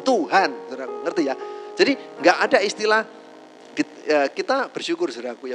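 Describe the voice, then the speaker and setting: A man gives a casual, joking sermon to his congregation, tacking a call to the listeners onto almost every phrase. His voice is a little high, and the recording is rough.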